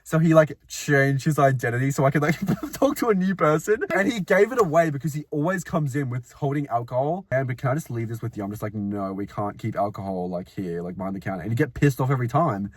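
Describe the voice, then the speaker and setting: A man's voice: medium pitch, animated, fast, few pauses. A young man co-hosting a casual chat, telling work stories with frequent laughs and swearing. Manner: laughs often, swears, mocks customers. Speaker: podcast co-host.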